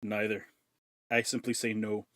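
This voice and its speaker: A man's voice: lowish voice, level tone, a little slow, a bit bright, no room sound, clean studio sound. A man streaming from home, chatting casually and crudely with his chat while eating and chewing into a desk mic. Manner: crude, joking, talks while chewing food. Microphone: desk mic with noise removal.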